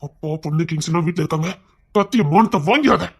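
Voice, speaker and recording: A woman's voice: lowish voice, animated, quick pace, husky. A woman voicing an angry, dismissive husband in a Tamil audio drama, curt and threatening.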